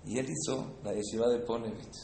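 A man teaching a Torah lesson, telling stories with emphatic repeated words and sudden swings in loudness. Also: mid-range voice, fairly even intonation, brisk, creaky, slight background noise. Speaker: rabbi teaching a class. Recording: roomy echo with faint ambience.

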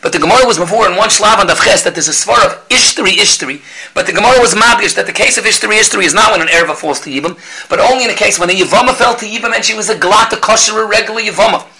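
A man giving a Talmud lecture, explaining step by step in an animated way and answering his own rhetorical questions. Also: sits high, rapid-fire, poor audio. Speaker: Talmud teacher.

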